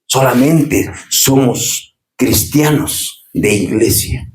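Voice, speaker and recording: A man preaching a sermon as pastor, swinging from raised, urgent lines to low, quiet asides. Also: drawn-out words, reverberant. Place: church.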